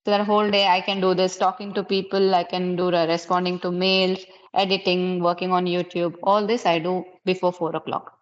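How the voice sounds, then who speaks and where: Her lowish voice stays level as she speaks fairly quickly with hardly any pauses, on a muffled recording. She's a woman in her thirties from Karnataka whose first language is Kannada, speaking Indian-accented English while patiently running question-by-question conversation practice with many simple questions.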